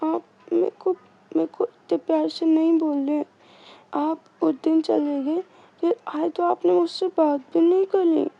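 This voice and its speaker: A woman's voice: high-pitched, steady tone, normal speed, muffled recording. A woman voicing a hurt, clingy little girl who pleads through sobs in an audio story. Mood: tearful. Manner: sobbing, complaining childish pleading.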